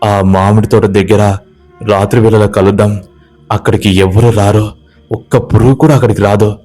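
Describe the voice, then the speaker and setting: A man's voice: lowish voice, fairly even intonation, faint music behind, natural voice. A man voicing a desperate, hot-headed young village man in a spoken ghost story. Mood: persuading. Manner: pleading, demanding, quick to shout.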